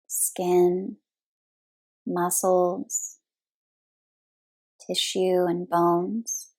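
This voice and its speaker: On a rough recording, a woman with a lowish voice and darkish tone leads a guided yoga nidra relaxation. Her phrases are short, calm, and unhurried, separated by long silences.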